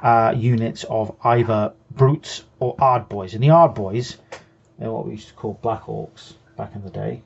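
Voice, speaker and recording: A man's voice: lowish voice, measured pace, vocal fry, a little mellow, muffled recording, a little hiss or hum. A man co-hosting a hobby show, patiently explaining game rules in casual chat and often restarting his sentences. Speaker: co-host.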